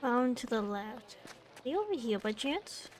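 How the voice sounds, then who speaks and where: A woman streaming a game in a very high-pitched voice. Her commentary is casual, reactive and exclamatory, with faint game sound and noise behind it. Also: sing-song, moderate pace. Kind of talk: casual live gameplay commentary.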